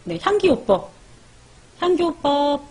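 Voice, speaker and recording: A woman's voice: high voice, sing-song, measured pace, darkish tone. A woman hosting a live parenting stream, chatting casually as she reads viewer comments, calls out their names and gives baby sleep tips.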